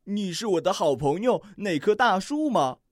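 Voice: mid-range voice, lively intonation, moderate pace, no echo, studio quality, pitched above the performer's own voice, natural voice. A storybook reader voicing a small red-beaked bird in a raised, questioning, wondering voice. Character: small bird returning to find her friend.

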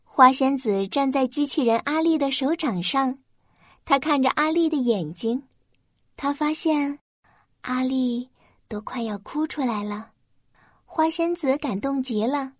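A woman's voice: high-pitched, a little slow, fairly bright tone, no room sound, studio quality. A woman reading a scripted children's story as its narrator.

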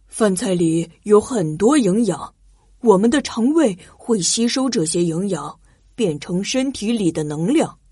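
Storybook dad, patient and gentle, lowered mellow husky voice, read by a woman. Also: animated, a little slow, no room sound, studio quality. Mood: coaxing. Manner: gentle, explaining. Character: patient cheerful father, adult man. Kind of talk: children's storybook narration.

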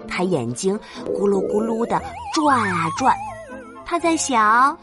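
A woman narrating a children's story as a mother, gentle, playful and expressive. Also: on the high side, takes it slowly. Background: children's music.

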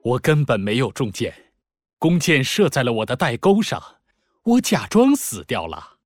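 Storybook young prince, sly and bouncy, lower and darker than the narrator, swinging pitch , put on by a man. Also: very animated, moderate pace, faint music behind, natural voice. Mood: cheerful. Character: young male prince, clever and eager.

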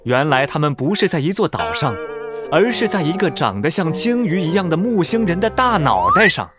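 Hugely animated male children's story narrator. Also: fairly high pitch, normal speed. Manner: dramatic, expressive. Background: prominent music.

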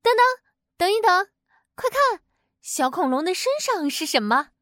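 Woman doing a storybook mom, caring, cautious, very high-pitched, dry close sound. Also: sing-song, normal speed, no room sound, exaggerated voice. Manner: gentle and warning, bright and lilting.

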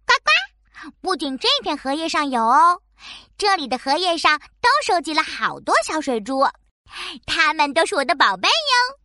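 A woman voicing a small, friendly, knowledgeable frog in a children's science cartoon, speaking in a frog voice punctuated with croaks and explaining things like a little teacher. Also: high voice, very animated, moderate pace, pushed and bright, dry recording, studio quality, full character voice. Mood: proud, playful.

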